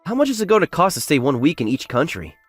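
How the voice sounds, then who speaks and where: In an English manga dub, a man voices a modest, plain-spoken young factory worker narrating his own story in the first person, sounding polite and earnest. His voice is a little high, very animated and fast, with soft background music.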